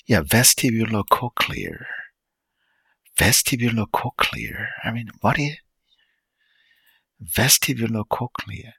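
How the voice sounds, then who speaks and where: A man giving a casual unscripted lecture, halting with many fillers and stopping to check how words are pronounced. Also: very deep voice, gravelly, pushed and bright, slightly rough, no room sound. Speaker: solo video lecturer.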